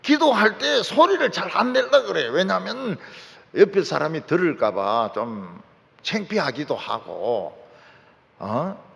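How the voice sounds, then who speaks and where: A man preaching a sermon as pastor, fervent and at times shouting out his lines. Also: high voice, very animated, a little slow, vocal fry. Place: large church sanctuary. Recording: church hall with long reverb.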